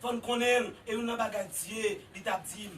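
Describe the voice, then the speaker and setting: Haitian creole accent preacher guy, really high sharp voice, murmurs then shouts, kinda far from the mic. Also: fairly even intonation, normal speed, slight background noise. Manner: swings from low murmurs to shouted exhortations. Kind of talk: sermon.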